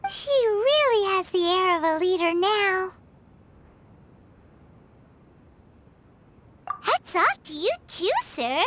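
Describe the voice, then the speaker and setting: A woman voicing a small, childlike fairy companion in a video game, chirpy, excitable and candid. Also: very high voice, a little slow, exaggerated voice. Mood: impressed. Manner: exclamatory, refers to self in third person. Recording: music playing behind the voice.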